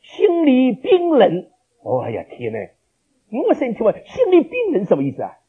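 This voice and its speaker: Animated preacher man, husky lo-fi recording. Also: a little fast. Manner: animated, rhetorical questions, dramatic swings in pitch and loudness. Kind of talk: sermon. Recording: lo-fi dull recording.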